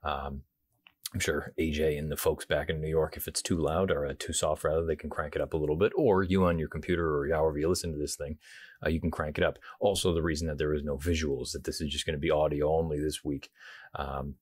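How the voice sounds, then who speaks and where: A man hosting a horse racing show, giving casual race preview commentary in a hushed, quiet indoor voice, keeping his volume down in a hotel room. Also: extremely low pitch, breathy edge, no room sound.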